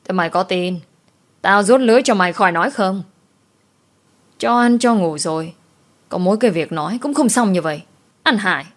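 A woman's voice: mid-range voice, a little fast, long pauses, lightly acted. Woman voicing a sour rich old mistress, Bà Thanh. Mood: scolding. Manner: scolding, sour and mocking. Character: vain, sharp-tongued older rich mistress.

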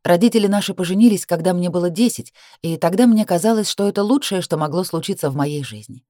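A woman reading a romance novel aloud in an expressive narrating voice. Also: quick pace, no echo, studio quality. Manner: expressive reading, rising high for the heroine's cries. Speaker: audiobook narrator.

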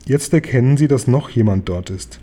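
A man narrating a children's story in a calm, even way. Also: medium pitch, normal speed. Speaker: audiobook narrator.

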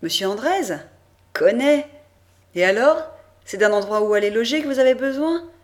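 A brusque middle-aged baggage clerk, voiced by a woman reading an audiobook, who rattles off his lines quickly and offhandedly. He is gruff but ends up obliging. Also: on the high side, expressive, pitched above the performer's own voice, close to an everyday voice. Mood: gruffly helpful.

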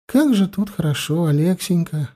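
Male narrator as young mother: bright lift, playful, mock-stern. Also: fairly high pitch, moderate pace, pitched above the performer's own voice. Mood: fond, teasing. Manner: lively, gently scolding. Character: woman, young mother, warm and teasing.

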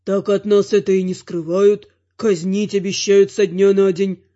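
A man reading an audiobook, voicing a captive male dwarf who speaks calmly and plainly. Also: sits high, a little slow, lo-fi sound. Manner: calm, plain-spoken. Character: gruff captive male dwarf, calm and matter-of-fact.

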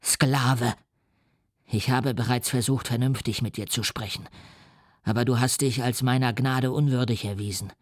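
A man's voice: mid-range voice, steady tone, moderate pace, dry recording, clean studio sound, lightly acted. A man playing a furious, defiant young scientist. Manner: vehement and indignant.

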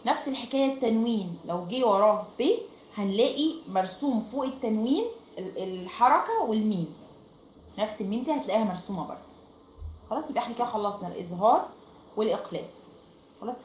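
A woman's voice: on the high side, animated, fast talker. A woman with an Egyptian accent teaching a recitation lesson over online voice chat, explaining step by step and often checking with her students. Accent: Egyptian Arabic. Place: room at home. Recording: echoey room, faint noise.

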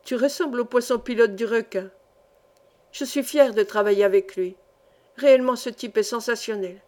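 A woman's voice: on the high side, normal speed, a little mellow, lightly acted. Woman reading as an eager journalist friend. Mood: enthusiastic. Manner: eager and admiring. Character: cheerful male journalist, enthusiastic.

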